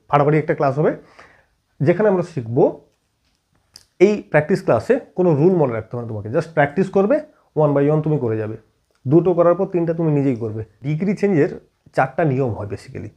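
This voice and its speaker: Male teacher, fairly high and lively delivery, constant check-in questions. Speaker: English grammar teacher. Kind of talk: classroom-style video lesson.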